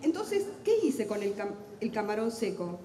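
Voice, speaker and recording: Fast, intense Argentine woman in an echoey hall. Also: mid-range voice, sing-song, dark tone. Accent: Argentine Spanish. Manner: talks fast and intensely, self-deprecating humor. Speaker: literary translator on a panel. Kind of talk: lively public talk at a book fair. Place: large hall at a book fair. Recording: echoey hall with long reverb.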